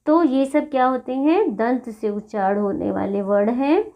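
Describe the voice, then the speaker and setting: A woman teacher talks through a classroom lesson at a very unhurried pace, repeating each sound so her pupils can follow. Her voice sits a little high. The recording is somewhat dull and lo-fi. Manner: slow, patient, repeats sounds for pupils to copy.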